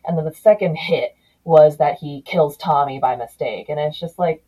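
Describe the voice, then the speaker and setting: A woman's voice: low-pitched, moderate pace, slightly rough, rough recording. A woman in her thirties hosting a podcast, chatting casually and telling stories with lots of restarts. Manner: chatty, animated storytelling with many restarts. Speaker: podcast host. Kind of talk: casual conversation.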